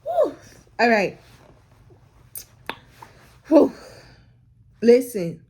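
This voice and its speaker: A woman's voice: fairly high pitch, huge pitch swings, very slow, warm tone, slightly rough. A woman, sharing a personal faith story in a casual, emotional way, close to tears and repeating phrases for emphasis. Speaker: vlogger sharing a faith testimony.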